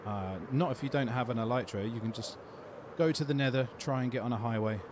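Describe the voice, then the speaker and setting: A man's voice: mid-range voice, fast, background noise. A man with a London accent chatting casually on a gaming livestream, answering viewer questions in a laid-back way. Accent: London English. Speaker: gaming streamer.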